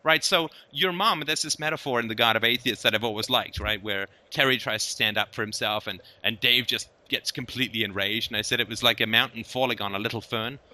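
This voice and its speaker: A man's voice: medium pitch, a little fast, few pauses, bright, forceful tone. A man hosting a casual conversation, talking emphatically and often checking in with "right?". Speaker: host.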